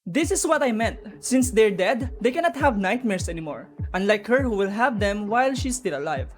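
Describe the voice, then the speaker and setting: This video narrator, a woman, walks viewers through game lore informally, speculating as she chats straight to the camera. Her mid-range voice has a sing-song quality at a normal speed, with music playing underneath.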